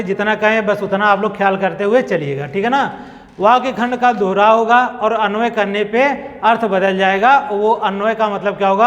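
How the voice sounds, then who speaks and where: Guy teaching grammar for exam prep, kinda high voice, keeps checking everyone's following, long echo in the room. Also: a bit bright. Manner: repetitive, checks in with listeners often; reads examples slowly, word by word.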